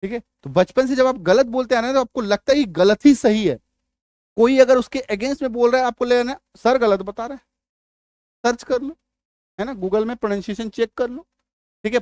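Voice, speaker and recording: Male English tutor, high voice, dry close sound, drags out example words, keeps checking students follow. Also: a little mellow, clean tone, dry recording. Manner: repeats checks like "आ रही बात समझ में?"; stretches out example words slowly. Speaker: English teacher. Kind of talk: spelling lesson.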